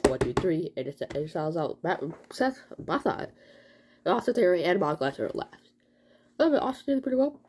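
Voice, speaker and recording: A young woman vlogger giving a rambling, excitable, slang-filled casual recap of a wrestling event. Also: sits low.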